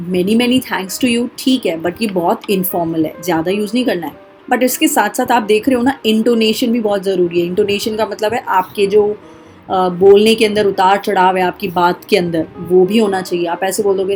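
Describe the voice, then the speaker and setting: A woman with an Indian accent teaching a spoken English lesson, demonstrating phrases slowly and carefully. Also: mid-range voice, darkish tone.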